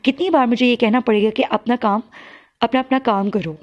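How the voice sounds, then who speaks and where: A woman's voice: a little high, a little fast, dull audio. A woman from Pakistan teaching an English lesson, explaining each word patiently and calling pupils "beta". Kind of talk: recorded classroom lecture.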